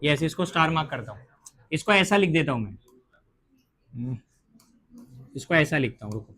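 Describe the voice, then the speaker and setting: A man teaching a chemistry class, slowing down to dictate English terms and asking questions that he answers himself. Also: fairly high pitch, expressive, a bit bright. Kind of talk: classroom lecture.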